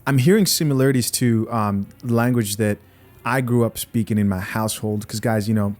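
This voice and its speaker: A young Zambian man hosts a podcast, reacting to clips with blunt, opinionated commentary aimed straight at his viewers. His voice is on the low side and a little mellow, at normal speed.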